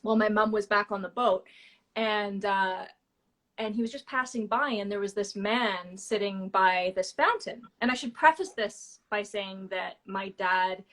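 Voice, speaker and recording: Here a Toronto woman with a mid-range, medium-pitched voice is a guest in a laid-back interview. Her long story wanders, full of fillers and restarts, punctuated by quick bursts of laughter.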